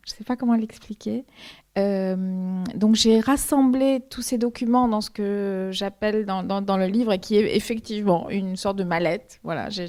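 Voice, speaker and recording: A woman's voice: on the low side, mellow. Woman author from Argentina, native Spanish speaker, hesitant bookshop-talk answers, full of restarts. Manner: hesitant, many repeated words and restarts.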